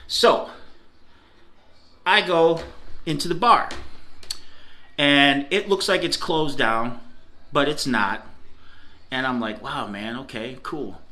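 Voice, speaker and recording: A man's voice: on the high side, slow, pauses often, pushed and bright. A middle-aged man from Cleveland, Ohio telling a bar story in a casual, chatty way, often laughing and checking in with "okay?". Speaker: food reviewer telling a story.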